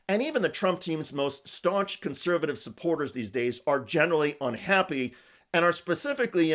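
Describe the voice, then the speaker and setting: A man's voice: a little high, a bit bright. A man hosting a scripted political news commentary with an emphatic, punchy delivery.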